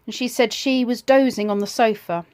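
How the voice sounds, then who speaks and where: A woman casually telling a personal ghost story in a reflective, slightly hesitant way, pausing between short phrases. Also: a little high, fairly even intonation, darkish tone.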